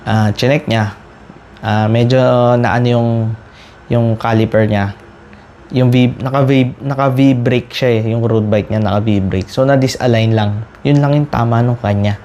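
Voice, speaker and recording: A man tells his viewers a story in a loose, conversational way, as a cycling vlogger would. He often stops short and starts a sentence over, and he sounds fed up about a bike crash. His voice sits at an average pitch, with a faint hiss in the background. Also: a little slow. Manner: animated retelling with frequent restarts. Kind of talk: casual storytelling.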